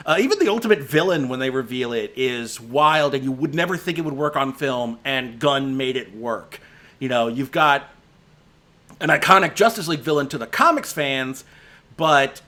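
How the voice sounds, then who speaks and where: A movie critic, a man whose slightly hoarse voice is giving out, rambles casually through his favorite movies of the year, full of restarts and fillers. His voice is medium-pitched, expressive and bright with a forceful tone, at a moderate pace.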